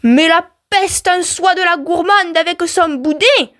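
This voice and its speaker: A woman's voice: extremely high pitch, normal speed, a bit bright, pitched above the performer's own voice. Casting: a woman playing a flustered, stammering peasant husband in a radio folk tale. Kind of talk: storytelling for radio.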